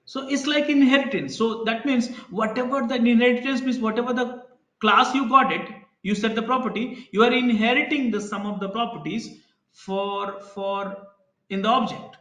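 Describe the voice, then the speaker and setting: A man's voice: very high-pitched, steady tone, normal speed, pushed and bright, echoey room. A man teaching a live programming class, explaining concepts with everyday examples and checking in with students. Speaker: programming instructor. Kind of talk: live online class lecture.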